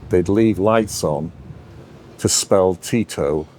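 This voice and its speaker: Middle-aged man, very low voice, lively anecdotal interviewee. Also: slow pace, a little hiss or hum. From Yorkshire, England. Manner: animated anecdotal storyteller. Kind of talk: storytelling interview.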